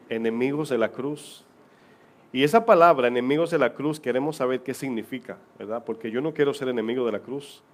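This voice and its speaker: A married man preaching a sermon as pastor to his congregation, reading scripture aloud and asking rhetorical questions. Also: mid-range voice.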